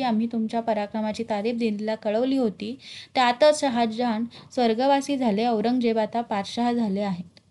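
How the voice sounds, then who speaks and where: A woman voicing a male Rajput commander of about sixty who speaks in a measured, persuasive way in a storybook reading. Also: on the high side, darkish tone, lightly acted.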